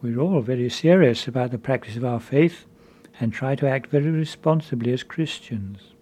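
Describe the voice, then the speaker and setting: A man giving a measured, earnest spiritual conference talk as a preacher. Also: mid-range voice, warm tone.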